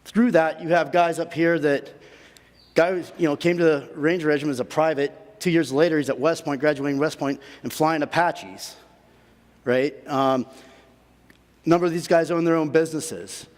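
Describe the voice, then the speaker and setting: A man's voice: on the high side, normal speed. A man facilitating a workshop, giving a conversational motivational talk to a group and building points through repeated lists. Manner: conversational, repetitive listing. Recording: long reverb in a large room.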